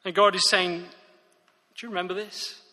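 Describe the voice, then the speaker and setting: A man delivers a sermon in a bright, forceful voice pitched a little high. He is earnest and emphatic and keeps circling back to his key phrases. The sound carries a long reverb, as in a church hall. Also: flat delivery, a little slow. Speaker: preacher.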